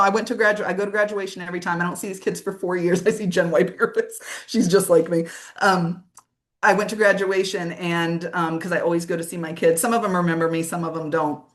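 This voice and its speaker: A woman with a fairly low voice tells a story from her classroom. She speaks casually, getting tearful and emotional, and halts and restarts her sentences often. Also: fairly even intonation, fairly quick. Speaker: teacher and guest.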